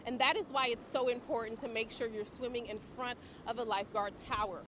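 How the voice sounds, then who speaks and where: A woman TV news reporter narrating a news story in a measured, clear newsreader delivery. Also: on the high side, fairly even intonation, background noise.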